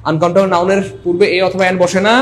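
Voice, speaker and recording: A man's voice: high-pitched, monotone, rapid-fire, a little hiss or hum. A man with a Bangladeshi accent teaching an online exam-prep English class, repeating points and coaxing students to comment.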